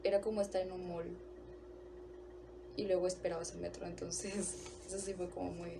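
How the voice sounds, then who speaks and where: A woman tells her story in an even, level voice that barely rises or falls. She takes her time and pauses on fillers as she goes. A steady ambient hum fills the background. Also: fairly low pitch, gravelly. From Mexico. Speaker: interviewee. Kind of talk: casual recollection.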